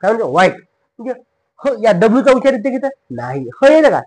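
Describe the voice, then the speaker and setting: This Marathi-accented teacher talks fast in a very high, sing-song voice, and the audio quality is poor. Running an English pronunciation class, he spells words out letter by letter, repeats each one over and over, and playfully chides mistakes.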